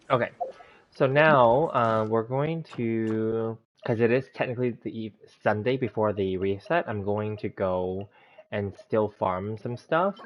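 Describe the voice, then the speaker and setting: Low-voiced man lisping from a bitten tongue. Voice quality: slight lisp from a bitten tongue. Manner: rambling step-by-step self-narration. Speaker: live-streaming game host. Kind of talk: casual gameplay livestream chat. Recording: dull, lo-fi sound, background music. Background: music.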